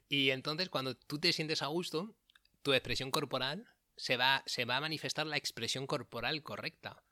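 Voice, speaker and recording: A man's voice: mid-range voice, bright, forceful tone, dry recording, clean studio sound. A man with a Spanish accent from Spain, talking casually in a solo audio recording, chatty and often correcting himself mid-sentence. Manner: chatty, self-correcting, frequent fillers. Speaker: podcast host giving dating advice. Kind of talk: casual monologue.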